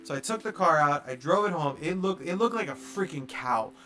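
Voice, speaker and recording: Male streamer, voice a touch high, casual storyteller, rambling, filler-heavy, acts out quotes. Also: lively intonation, fairly quick, pushed and bright.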